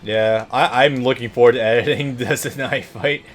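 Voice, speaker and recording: This time the American gamer speaks at a moderate pace in a mid-range voice with a steady tone. Co-hosting the let's play, he keeps his commentary casual and profane.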